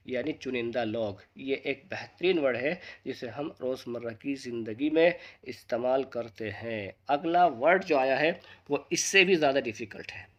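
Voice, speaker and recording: A man teaching pronunciation to students, asking them quiz questions and slowing down to give each correct word. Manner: slows and drops low on each correct word. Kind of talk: scripted lesson with quiz questions to viewers.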